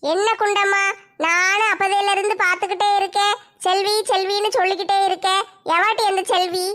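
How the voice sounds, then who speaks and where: A woman plays a possessed villager in a comedy skit who struts as a self-crowned king. She drags her words out slowly and pompously. The voice sits very high. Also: little pitch movement, a bit bright. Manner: slow, pompous, demanding.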